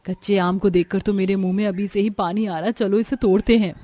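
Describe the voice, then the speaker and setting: A woman voices hardworking, excitable young village daughters-in-law in a Hindi cartoon story, exclaiming expressively. Her mid-range voice moves fairly quickly, close to how she'd normally speak, with an excited mood.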